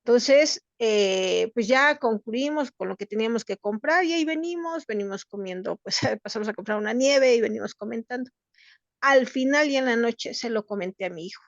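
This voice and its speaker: A middle-aged woman with a Mexican accent tells a personal story to a group in an earnest, halting way, with many restarts. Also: a little high, expressive, no echo, muffled recording. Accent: Mexican Spanish. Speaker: workshop participant.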